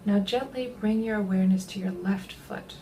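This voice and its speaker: In this guided body scan, a woman talks gently and soothingly in a mid-range voice, letting her phrases end softly on a breath. Her pace is unhurried yet normal in speed, and there is slight background noise.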